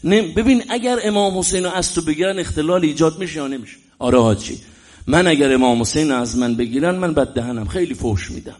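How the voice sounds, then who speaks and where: Male preacher, fairly high voice, emphatic sermon, loud exclamations. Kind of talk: religious sermon.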